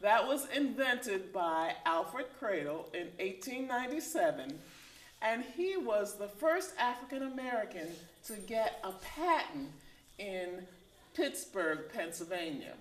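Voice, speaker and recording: Slow, measured woman host, echoey. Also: medium pitch, big pitch swings. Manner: measured, storytelling explanation. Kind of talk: community TV talk show hosting.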